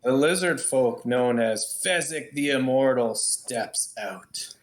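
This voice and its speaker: A man narrating as game master, telling the scene slowly and voicing the townsfolk. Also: medium pitch, animated, roomy sound. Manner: slow, storytelling narration with voiced townsfolk.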